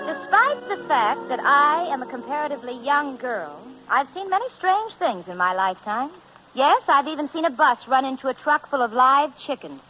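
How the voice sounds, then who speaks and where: A woman's voice: sits high, animated, moderate pace, music in the background, low-quality recording. An actress playing a dry, patient young woman who narrates a comedy in a 1940s old radio show broadcast. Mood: sardonic. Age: young adult. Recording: hissy vintage radio broadcast.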